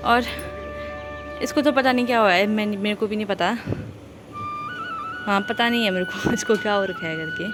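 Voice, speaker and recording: A woman's voice: mid-range voice, wildly swooping pitch, normal speed, pauses often, music in the background. A young woman narrating a casual family vlog, often switching into coaxing baby talk with her toddler. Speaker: vlogger, mother.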